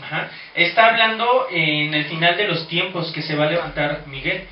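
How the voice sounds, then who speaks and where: A man's voice: a little high, normal speed, slight background noise. A man teaching a Bible study lesson, explaining step by step and asking rhetorical questions. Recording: echoey room, distant mic, dull sound.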